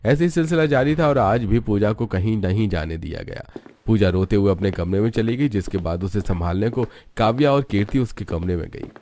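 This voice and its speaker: A man narrating a cartoon story in an even storytelling way. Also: fairly low pitch, a little fast, dry recording.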